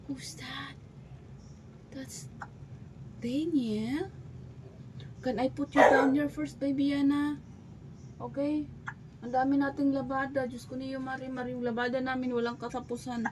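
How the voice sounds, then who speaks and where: A woman's voice: high voice, a little mellow, slight background noise. A woman with a Filipino accent, a vlogging mother chatting in sing-song baby talk to her little daughter while doing chores at home. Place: home, kitchen and backyard laundry area.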